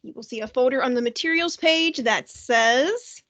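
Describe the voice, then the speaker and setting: Upbeat woman art teacher, high bright voice, asks students questions, online class. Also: normal speed. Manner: upbeat, talks directly to young students with questions. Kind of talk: recorded online art lesson. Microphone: computer mic, screen-shared lesson.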